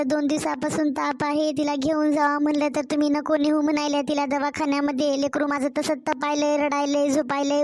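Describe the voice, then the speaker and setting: A woman with a Marathwada Marathi accent voicing a distressed young mother who complains and pleads in a cartoon story. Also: high-pitched.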